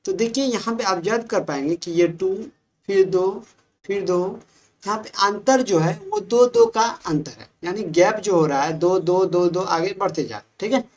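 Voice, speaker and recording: A woman's voice: lowish voice, normal speed, darkish tone. A woman teaching a maths class in Hindi with a Bihari accent. She explains patiently, repeats herself and keeps checking with the students.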